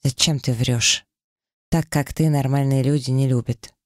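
A man's voice: medium pitch, fairly even intonation, unhurried, no echo, studio quality, close to an everyday voice. A man voicing a frightened, anxious young woman in an audiobook, pleading and flustered. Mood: despairing.

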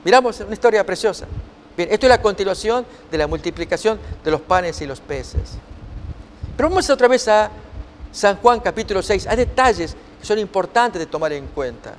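A man's voice: high-pitched, expressive, moderate pace, long reverb tail, slight background noise. A man preaching a Bible lesson, reading scripture aloud and asking his listeners rhetorical questions. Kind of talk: sermon-style Bible teaching.

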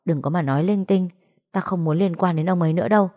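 Woman doing a fed-up young woman scolding fast, low-ish voice, storybook. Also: dark tone, natural voice. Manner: scolding, quick, blunt. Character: exasperated young woman scolding her friend.

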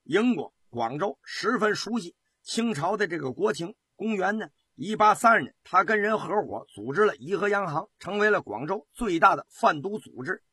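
A man's voice: high-pitched, animated, moderate pace, hardly any pauses, pushed and bright, slightly rough, no room sound. A male storyteller narrating a historical tale in a dramatic, colloquial manner. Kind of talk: traditional Chinese oral storytelling.

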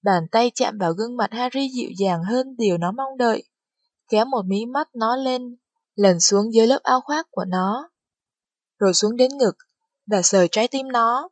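A woman narrating an audiobook with steady storytelling delivery. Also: on the high side, moderate pace, breathy edge, no room sound. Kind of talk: scripted narration.

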